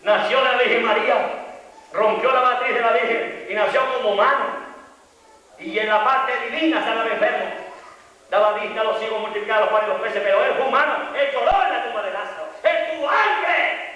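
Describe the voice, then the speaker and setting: A man preaching a fervent sermon, breaking into shouted hallelujahs and then dropping to low, slow passages. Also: dull audio. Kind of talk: fervent Pentecostal-style sermon. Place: large church hall. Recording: echoey hall, mic far off, faint congregation.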